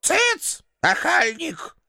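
A shrill, crackly old landlady who scolds in rustic, threatening turns, put on by a man reading a storybook. Her voice sits high and leaps all over, with a gravelly fry. The sound is close and dry. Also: huge pitch swings, extremely slow, sharp tone, no room sound, full character voice. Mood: scolding. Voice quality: shrill, creaky old-woman voice. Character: cantankerous old village landlady with a shotgun.

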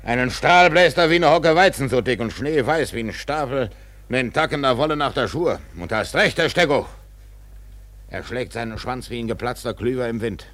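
An actor playing an obsessed, vengeful whaling captain in a German radio drama, with a husky, gravelly voice and a commanding, brooding delivery. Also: male voice, medium pitch, animated, normal speed, fairly bright tone, no room sound, close to an everyday voice. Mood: excited, rallying.

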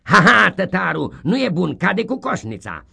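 A loud, jeering schoolmaster from a storybook, as a male narrator puts him on, barking and cackling at the children. His voice jumps far above the narrator's own, high, strained and blustering, with a wide, lively swing of pitch. The scorn in it never lets up. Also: vocal fry, breathy edge, heavily acted. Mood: scolding.

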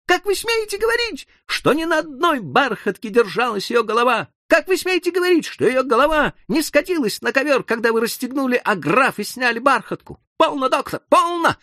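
A man doing a shrill frantic young madman. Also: very animated, brisk, few pauses, pushed and bright, dry recording, clean studio sound, full character voice. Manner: shrill pleading outcry.

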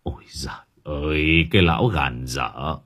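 A man voicing a gruff older village father who sighs heavily and grumbles through his grief. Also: low voice, very animated, measured pace, full character voice. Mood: sorrowful. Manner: sighing, gruff, scolding.

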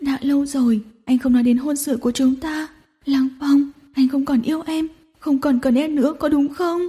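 A woman's voice: sits high, fairly even intonation, normal speed, mellow, voice pushed up, natural voice. A woman reading a storybook and voicing a tearful, clingy young woman who pleads between sobs. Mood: sobbing, pleading. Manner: sobbing, pleading, breathy.

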